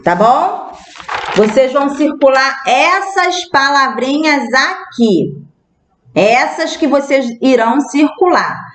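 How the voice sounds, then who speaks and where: Patient Brazilian teacher in an echoey room. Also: female voice, high voice, animated. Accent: Brazilian Portuguese. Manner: slow, patient, spelling out words one by one. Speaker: primary school teacher. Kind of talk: recorded remote class lesson.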